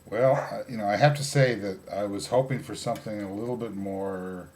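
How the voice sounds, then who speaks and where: A man interviewing in a comedy sketch, hesitating often with drawn-out fillers. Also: lowish voice, darkish tone. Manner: hesitant, full of "uh" fillers, dry.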